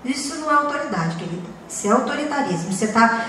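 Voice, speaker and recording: A woman's voice: high voice, animated, fast talker, a bit bright. A woman giving a talk to parents, speaking emphatically with rhetorical questions and humorous anecdotes. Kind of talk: lecture to parents. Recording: echoey hall, distant mic, faint noise.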